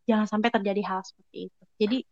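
A young woman giving casual career advice in a chatty, quick way, acting out little quoted thoughts. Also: medium pitch, fairly even intonation, no echo. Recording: dry, slightly dull lo-fi sound.

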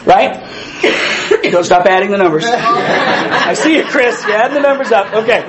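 Wheezy, high-pitched male preacher. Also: normal speed, a loud crowd, rough recording. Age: 50s. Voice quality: wheezy breathing from a past tracheotomy. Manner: emphatic, repeats key phrases, asks listeners questions. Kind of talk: animated conversational sermon to a congregation.

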